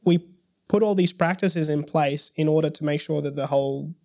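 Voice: mid-range voice, moderate pace, a little mellow. A young adult early childhood educator, a guest on a casual podcast, talking hesitantly with many restarts and wry jokes.

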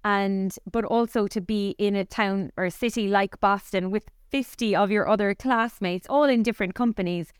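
A woman's voice: mid-range voice, moderate pace, hardly any pauses, clean tone, dry recording, clean studio sound. A woman in her forties with a Cork Irish accent, chatting candidly as a podcast guest about her career. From Ireland. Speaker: podcast guest, company founder. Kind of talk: conversational interview.

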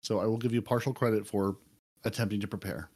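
A man's voice: fairly low pitch, fairly even intonation, fast talker, a little mellow, breathy edge. A man in a casual gaming chat, making dry, teasing remarks.

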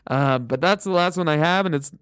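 A man co-hosting a podcast in casual chat, with a rambling, animated way of telling things and an easy laugh. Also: on the high side, fairly quick, smooth, dry recording, studio quality. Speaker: podcast co-host.

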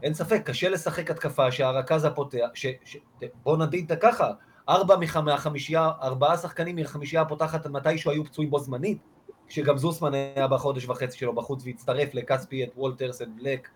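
Man talking club basketball, a bit high. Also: fairly even intonation, a little hiss or hum. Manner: passionate, talks of the team as "we". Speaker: podcast co-host, basketball fan. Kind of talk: casual sports analysis chat.

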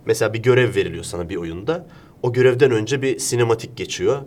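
A man's voice: mid-range voice, fast talker, a little mellow. A man from Turkey hosting a casual interview, explaining things through examples and rhetorical questions. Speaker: interview host.

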